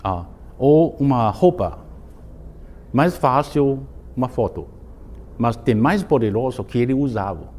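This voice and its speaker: A male Taoist master gives an informal spoken lesson in a casual, lively storytelling style. His non-native phrasing is simplified and halting, with frequent restarts, and his pitch bursts upward during stories. Slight background noise can be heard.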